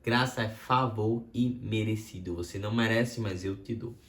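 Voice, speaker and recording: A patient father talks to his son slowly and softly in a low voice, as a man plays him. His voice echoes in a roomy space. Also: lightly acted. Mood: calm, gentle. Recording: roomy echo.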